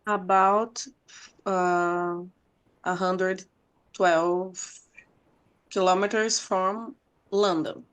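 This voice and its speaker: A woman student reads English examples aloud, one word at a time. Her reading is careful and very slow. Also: mid-range voice, steady tone, clear, resonant tone.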